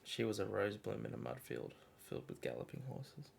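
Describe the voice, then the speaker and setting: A man with a gravelly, creaky voice reads a novel aloud on a live stream. His delivery rises and falls a lot, and he trips over words now and then before breaking off into casual chat. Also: on the low side, sing-song, a little fast, a little hiss or hum.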